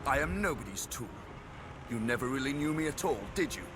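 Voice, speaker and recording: A man's voice: medium pitch, expressive, brisk, a crowd in the background, natural voice. An actor playing a proud, wounded man in a video game, accusing a betrayer. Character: proud, wounded deserter refusing to serve a tyrant.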